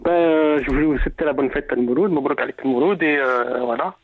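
A man's voice: fairly high pitch, a little fast, slight background noise. A man in his forties calling in to a radio show, talking hesitantly with many fillers. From France, of Algerian descent. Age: 40s. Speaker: caller. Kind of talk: phone-in conversation. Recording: tinny phone line with faint music.

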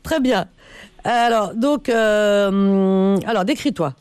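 A woman's voice: medium pitch, takes it slowly, a little mellow, smooth, dry recording. A woman hosting a call-in radio show, chatting casually and teasing her caller with lots of fillers. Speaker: radio host.

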